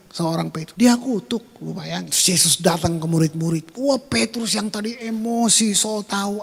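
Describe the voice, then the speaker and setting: Husky-voiced pastor preaching with slangy drama. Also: male voice, sits high. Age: middle-aged. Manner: casual Jakarta slang, dramatic swings in loudness. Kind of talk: sermon.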